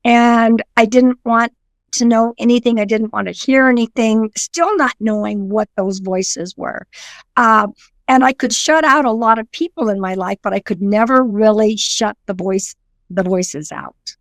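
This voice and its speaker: Earnest woman medium, higher voice. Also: a little slow, dry recording. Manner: earnest, reflective, with frequent fillers and restarts. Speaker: guest psychic medium. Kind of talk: conversational interview.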